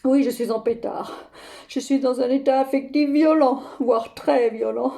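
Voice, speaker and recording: Woman doing a fed-up granny on the phone, high mellow voice with gravelly fry, dramatic, says hein constantly. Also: fairly even intonation, unhurried. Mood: fuming. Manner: dramatic, tags nearly every phrase with "hein". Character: exasperated older grandmother ranting on the phone. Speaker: comic monologue performer. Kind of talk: one-sided phone call sketch.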